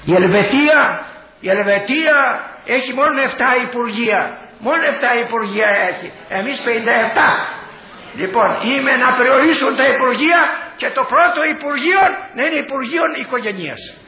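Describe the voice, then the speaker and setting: A man's voice: extremely high pitch, sharp tone. An older man, a bishop, giving a fiery sermon-style speech, exclaiming and repeating his phrases. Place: large hall. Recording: dull echoey hall recording.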